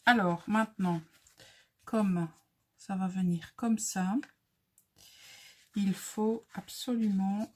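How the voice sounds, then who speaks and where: Hosting a casual crafting tutorial, a woman with a light accent chats in a friendly, unhurried way as she guides viewers through each step. Her voice is mid-range and steady.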